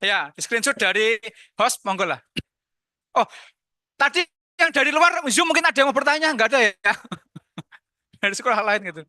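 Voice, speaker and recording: Middle-aged Javanese-accented male teacher, lively chatty Zoom host, high crisp voice. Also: moderate pace, long pauses, dry recording, clean studio sound. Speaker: teacher hosting a school Zoom session. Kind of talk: casual hosting over Zoom.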